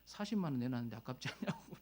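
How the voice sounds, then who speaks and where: A male pastor preaching a sermon, telling a personal story in a conversational way, rising to loud emotional peaks and dropping to near whispers. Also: medium pitch, sing-song, quick pace, slight background noise.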